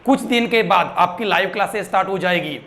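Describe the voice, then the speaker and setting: A teacher leads a grammar lesson in a high, light voice. He asks his students questions again and again and repeats their answers back as a drill. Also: a little fast, sharp tone.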